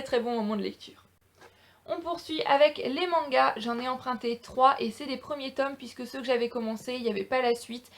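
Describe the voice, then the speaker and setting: A young woman with a French accent, chatting enthusiastically on a casual book haul vlog, with frequent hesitations. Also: high voice. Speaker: booktuber.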